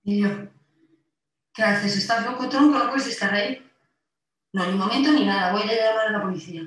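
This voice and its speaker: A woman's voice: medium pitch, a little fast, a bit bright, lightly acted. An actress with a Spain Spanish accent playing a harassed woman who argues tensely with her ex over the intercom, pleading and exasperated. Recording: echoey distant playback in a hall.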